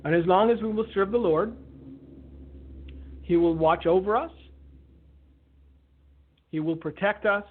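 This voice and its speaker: Earnest preacher over a tinny line. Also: male voice, sits high. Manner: earnest, measured blessings. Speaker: radio minister. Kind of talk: closing a radio sermon. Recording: phone-like lo-fi line.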